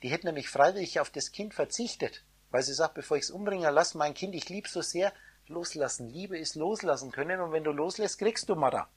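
Husky woman preaching like she's god, goes quiet then loud, lowish voice. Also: brisk. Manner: preaching in the first person as God, loudness swinging from soft to loud. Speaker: spiritual teacher. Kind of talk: esoteric sermon.

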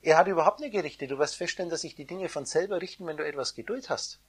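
Woman, esoteric sermon, first-person divine voice, husky, low-pitched, swinging loudness. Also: quick pace. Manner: preaching in the first person as God, loudness swinging from soft to loud. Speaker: spiritual teacher.

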